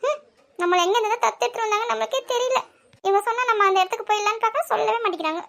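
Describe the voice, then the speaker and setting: A woman's voice: very high voice, racing, a bit bright. A woman voicing a sulky, playful college-age daughter who whines and pleads in a comic family skit. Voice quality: whiny and pleading.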